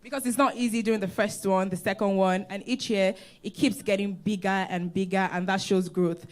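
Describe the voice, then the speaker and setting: A woman's voice: medium pitch, fairly even intonation, normal speed. A woman co-hosting a conference, earnestly urging the audience to engage and learn. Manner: earnest and motivating, direct to audience. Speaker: conference co-host. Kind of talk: stage hosting, encouraging address. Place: conference stage before an audience.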